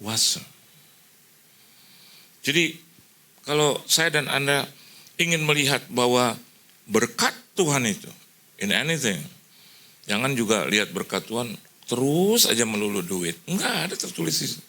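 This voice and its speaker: A middle-aged Indonesian man preaching a sermon as pastor in a church hall, telling stories with lively delivery, slipping in English phrases and acting out the voices he quotes. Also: medium pitch, unhurried, pauses often.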